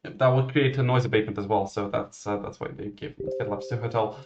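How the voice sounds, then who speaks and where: A man working as a ground controller, giving clearances and commentary in a halting, self-correcting way. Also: lowish voice, steady tone. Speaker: virtual air traffic ground controller. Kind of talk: radio clearances and explanatory commentary. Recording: muffled, roomy microphone sound.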